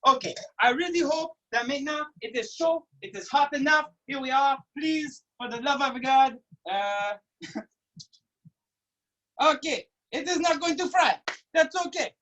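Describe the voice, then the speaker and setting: A woman's voice: sits high, measured pace, fairly bright tone, far from the mic, poor audio. A woman hosting a comedic cooking demonstration, talking in a playful, exaggerated, chatty way. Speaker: cooking show host.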